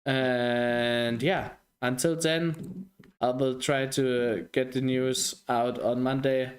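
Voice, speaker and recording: Slow-talking man hosting a race stream. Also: medium pitch. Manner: slow, relaxed, jokey, self-deprecating. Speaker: race commentator and stream host. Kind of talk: live race broadcast commentary.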